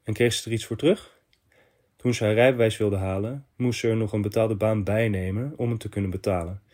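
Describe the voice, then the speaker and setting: A man hosting a podcast, reading a listener's confession letter aloud in short, measured phrases. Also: lowish voice, steady tone, darkish tone.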